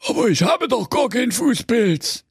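A man playing a sarcastic, exasperated old father in a radio comedy fairy tale, with a husky voice. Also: extremely high pitch, very animated, moderate pace, no echo, clean studio sound, exaggerated voice. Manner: weary, gruff, sarcastic.

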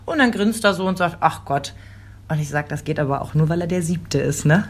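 A woman in her thirties chatting casually as a mother, telling lively stories and acting out quotes. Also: low-pitched, fairly quick. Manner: lively storytelling, acts out quotes. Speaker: podcast co-host, mother. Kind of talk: casual chat.

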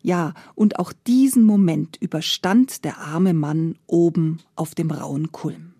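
A woman's voice: deep voice, takes it slowly, mellow, breathy edge, no room sound, studio quality. A woman storyteller narrating a folk tale expressively, often letting phrases fade into a whisper.

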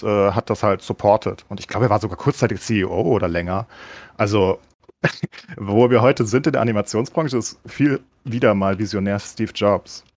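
Fast-talking lower-voiced man explaining. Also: no room sound, clean studio sound. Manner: explaining at length like a lecture, filler words. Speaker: podcast co-host. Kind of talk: casual chat.

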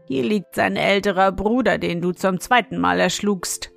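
A woman's voice: medium pitch, normal speed, gravelly, faint music behind. A woman voicing an ancient, wicked witch who shows off her dead sons and then cries out and pleads when beaten. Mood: menacing.

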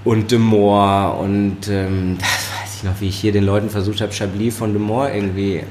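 Telling stories in a casual podcast interview, a Ruhr-accented chef and sommelier laughs frequently and peppers his speech with fillers. His pitch is fairly low, his pace normal, and there's background noise.

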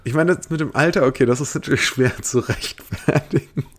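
A man of middle pitch co-hosting a relaxed podcast. He reads listener posts aloud, stumbles over fillers and breaks into laughter often. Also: brisk. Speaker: podcast co-host. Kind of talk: casual chat, reading out a forum post.

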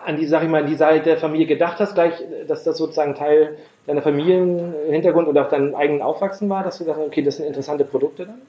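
A man hosts a casual interview podcast from a workshop. His voice sits a little high, and he keeps stopping to reach for words with fillers and restarts. The room is echoey and the recording sounds dull and lo-fi. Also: steady tone, fast talker, few pauses. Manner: hesitant, many fillers and restarts. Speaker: podcast host. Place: workshop in a city. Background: production noise.

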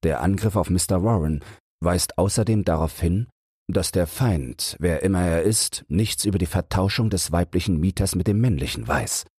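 Male reader as keen analytical detective, low husky voice, dry close mic. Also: darkish tone, no room sound. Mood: reasoning. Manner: measured, reasoning aloud. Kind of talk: audiobook read for sleep.

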